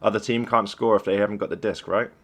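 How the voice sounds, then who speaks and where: A man's voice: on the low side, steady tone, quick pace, a bit bright. A young man coaching a team while reviewing a game replay, encouraging and conversational. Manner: encouraging, conversational, praises plays. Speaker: esports coach.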